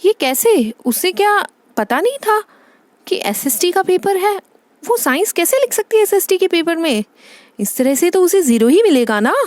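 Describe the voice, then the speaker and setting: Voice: high voice, big pitch swings, normal speed, few pauses, a little mellow, dry recording. A woman voicing a strict female schoolteacher doll on a call, speaking with incredulous rising exclamations.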